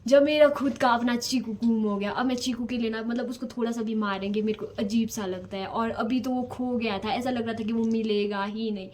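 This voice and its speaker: A young woman vlogging, telling a personal story in a casual, rambling way, repeating words and drifting between soft and loud. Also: a little high, fairly even intonation, fairly quick, few pauses, slight background noise.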